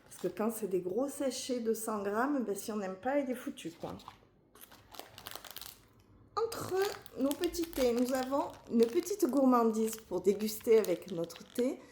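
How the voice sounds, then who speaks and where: A middle-aged woman chatting casually to her viewers as she unboxes, with a gentle manner and many fillers. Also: fairly high pitch, animated, measured pace, reverberant, slight background noise. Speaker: vlogger.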